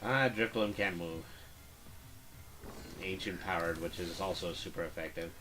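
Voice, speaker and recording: A man's voice: low voice, measured pace, over music. A man giving casual, understated commentary as he plays a game, half talking to himself. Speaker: gamer narrating a playthrough. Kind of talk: casual game commentary, reading dialogue aloud.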